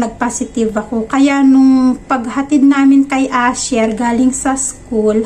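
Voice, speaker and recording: A pregnant woman vlogger in her thirties from the Philippines, telling her viewers a personal story in a chatty, animated way and acting out the conversations she had. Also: high-pitched. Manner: chatty, animated retelling with quoted dialogue. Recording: faint background noise.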